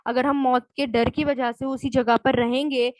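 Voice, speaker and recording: High-voiced woman teaching scripture. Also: flat delivery, dry recording, poor audio. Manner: recites Arabic words, then glosses each in Urdu. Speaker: Quran teacher. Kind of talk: word-by-word scripture lesson.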